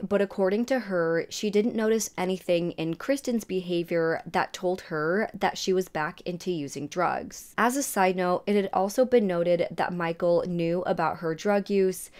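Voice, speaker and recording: A woman's voice: on the low side, darkish tone. A woman hosting a true crime show, recounting a case in a casual storytelling way with personal asides. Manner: conversational, adds personal asides.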